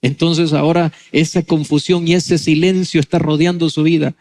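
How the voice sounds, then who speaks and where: A male pastor giving a sermon, telling a story with lively acted-out dialogue. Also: a little high, normal speed. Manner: animated storytelling, acts out dialogue.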